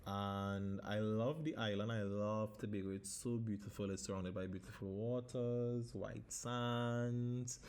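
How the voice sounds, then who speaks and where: This is a podcast host in his thirties from Trinidad, speaking with a Trinidadian accent on his laid-back solo show. He cusses openly and slips into Caribbean dialect, and his voice is lowish and a touch mellow.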